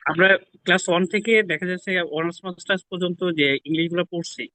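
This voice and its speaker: A man asks his teacher a question in class, halting and full of fillers. His voice is bright and a little high. The sound is close and dry. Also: fairly even intonation, no room sound, low-quality recording. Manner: hesitant, halting, many fillers. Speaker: student.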